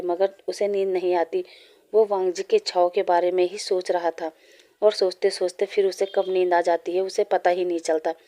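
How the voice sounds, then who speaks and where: A woman reading a fan fiction story aloud at a steady, plain pace. Her voice is warm and mellow in tone. Her pitch stays flat and even throughout.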